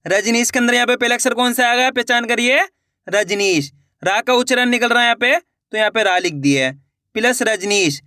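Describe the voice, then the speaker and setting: A man's voice: high voice, bright, forceful tone, dry recording, studio quality. A man teaching Hindi spelling, sounding words out syllable by syllable, repeating each word and asking his viewers questions. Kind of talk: slow, syllable-by-syllable spelling lesson.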